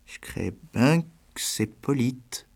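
Homme qui joue une jeune paysanne normande, voix douce, bégayante, larmoyante. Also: male voice, on the low side, steady tone, slow. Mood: tearful. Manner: soft, stammering, whimpering. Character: young farm girl, timid and tearful.

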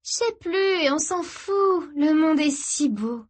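A woman narrator voicing a young woman high on ecstasy, gushing with affection in a drawn-out, sing-song voice. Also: expressive. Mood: euphoric, gushing.

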